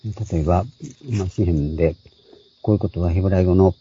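An older man preaches slowly and explains scripture word by word, his low voice very dark and husky. It comes through a dull, lo-fi and dry recording. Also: steady tone. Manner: measured, explains word by word, voicing scripture quotes higher. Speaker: Bible teacher. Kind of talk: explanatory Bible sermon.

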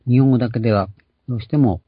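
A man's voice: medium pitch, a little fast, husky. An older man preaching an earnest sermon, explaining and stressing key words. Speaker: pastor. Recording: dull lo-fi recording.

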